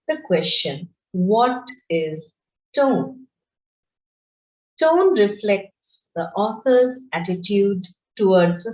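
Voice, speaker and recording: Slow-paced woman lecturing, lively pitch. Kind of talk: online lecture. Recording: roomy, dull lo-fi screen-share recording.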